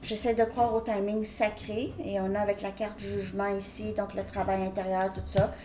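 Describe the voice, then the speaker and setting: A woman's voice: medium pitch, level tone, normal speed, noisy background. Hesitant woman reading tarot. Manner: hesitant, restarts often, checks in with "ok?". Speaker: tarot reader.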